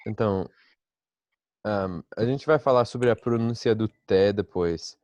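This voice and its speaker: Slow, low-voiced male teacher. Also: a little mellow, dull audio, slight background noise. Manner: patient, slow explaining with many "né?" checks. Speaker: English teacher. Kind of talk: online language lesson. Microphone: video call.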